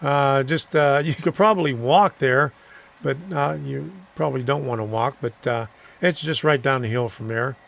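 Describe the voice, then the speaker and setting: A man's voice: mid-range voice, moderate pace, vocal fry, a bit bright. A middle-aged man hosting a live stream, chatting casually and answering viewer comments, rambling and chuckling between thoughts. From Florida.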